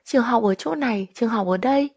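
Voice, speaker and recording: A woman's voice: on the high side, fast, a little mellow. A woman teaching a listen-and-repeat language lesson, patiently saying each phrase twice.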